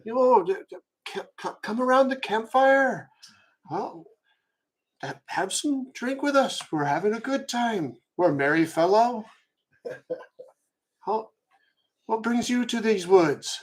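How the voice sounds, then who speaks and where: A man puts on a jolly old camp elder in a tabletop game. He speaks noticeably higher than his own voice, hearty and welcoming, and stumbles over his words as he rambles on. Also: expressive, a little slow, pauses often. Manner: jovial, welcoming, rambling with stammered starts. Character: cheerful old male camp leader hosting a drinking party.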